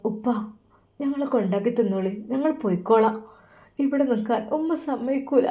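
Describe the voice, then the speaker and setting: A woman playing a young married daughter who speaks quietly and pleadingly, with a Malappuram Malayalam accent. She sounds patient and hurt, told as a spoken storybook. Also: a little high, moderate pace, close to an everyday voice. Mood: subdued.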